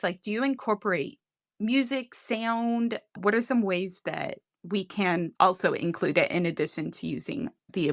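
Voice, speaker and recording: A woman's voice: mid-range voice, a bit bright, dry recording, clean studio sound. A woman hosting a podcast interview, chatty and eager, asking long questions on what sounds like a video call. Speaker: podcast host.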